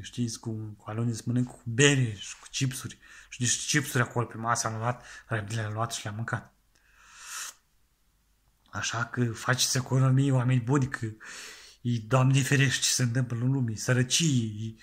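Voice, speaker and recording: A man doing a comic monologue as a penny-pincher, talking earnestly in halting, rambling sentences full of restarts. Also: medium pitch, a bit bright. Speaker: comedian playing an extreme penny-pincher. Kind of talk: comedic monologue sketch.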